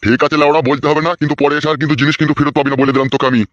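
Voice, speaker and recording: A man's voice: on the high side, flat delivery, racing, a bit bright, no room sound, muffled recording, lightly acted. A man playing a coarse older village uncle in a comic skit, who scolds and swears. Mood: gruff.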